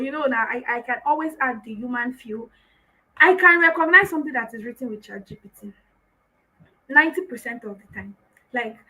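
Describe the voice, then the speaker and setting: A woman's voice: on the high side, fairly bright tone, a little hiss or hum, rough recording. A woman with a Nigerian English accent hosting a livestream, making announcements in an emphatic, repetitive, preacher-like way. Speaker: summit host. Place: online livestream.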